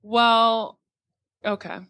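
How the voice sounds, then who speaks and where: A woman's voice: on the high side, fairly even intonation, drawn-out words, pushed and bright, clean tone, no room sound, clean studio sound. A woman co-hosting a podcast, chatting casually and filling her talk with "like" and "you know". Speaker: podcast co-host. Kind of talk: casual chat.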